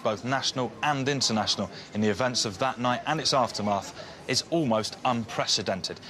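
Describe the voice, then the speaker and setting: Brisk man presenting a documentary. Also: mid-range voice. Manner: brisk, formal. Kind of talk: scripted presenting.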